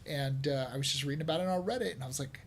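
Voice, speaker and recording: A man of middle pitch talking loosely on a gaming show, stringing thoughts together with lots of fillers. His tone is easygoing and he laughs freely. A faint noise hums behind him. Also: rapid-fire. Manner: rambling, many fillers, laughs often. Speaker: podcast host. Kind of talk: casual chat.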